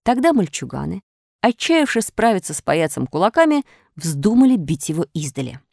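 A woman narrating a children's storybook with animated, expressive delivery. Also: on the low side, normal speed, creaky, no echo, studio quality.

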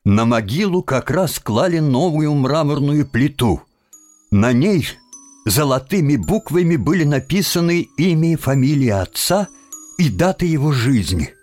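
Man, audiobook narrator, expressive storytelling, lively pitch, soft music underneath. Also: measured pace, dry recording. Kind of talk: scripted narration.

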